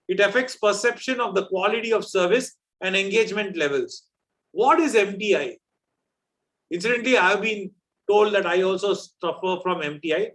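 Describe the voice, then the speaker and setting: A man with a high voice and a South Indian accent works as a quiz host. He chats and teases as he goes, explaining things off the cuff. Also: fairly bright tone.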